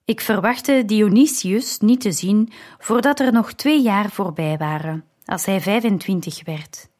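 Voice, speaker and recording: Een vrouw die een verhaal in de ik-vorm voorleest als luisterboek, afgemeten en gelijkmatig. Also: female voice, medium pitch, a little mellow. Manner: slow, measured reading. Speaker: audiobook narrator. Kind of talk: scripted narration.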